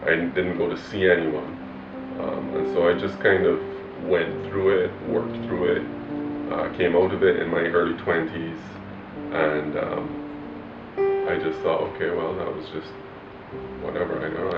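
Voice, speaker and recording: Man from Barbados, 40s, pastor; low voice, reflective and halting, muffled and roomy recording. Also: level tone. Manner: hesitant, reflective, many fillers. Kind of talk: personal testimony interview. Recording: roomy, distant, muffled with loud guitar music. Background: loud guitar music.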